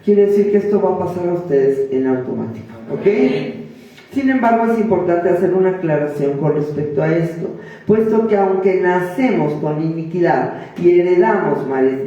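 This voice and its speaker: A woman's voice: fairly low pitch, mellow. A woman pastor gives a sermon in a conversational way, full of rhetorical questions to the congregation. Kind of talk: sermon teaching. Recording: echoey room, distant dull mic.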